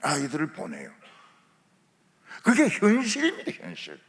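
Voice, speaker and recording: A man's voice: on the high side, huge pitch swings, normal speed, vocal fry, fairly bright tone. A male pastor preaching a revival sermon, asking rhetorical questions and mixing in humor. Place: large church sanctuary. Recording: long church hall reverb.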